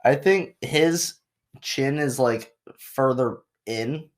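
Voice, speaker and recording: A man's voice: medium pitch, takes it slowly. A young man co-hosting a casual podcast, laid-back and a bit hesitant, often trailing off. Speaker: podcast co-host. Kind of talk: casual chat.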